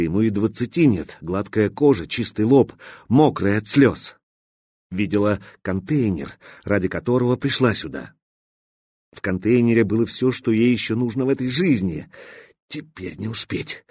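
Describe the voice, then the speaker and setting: A man with a husky voice narrating an audiobook in a tense, measured way. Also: mid-range voice, a little mellow, dry recording, clean studio sound. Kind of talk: scripted narration.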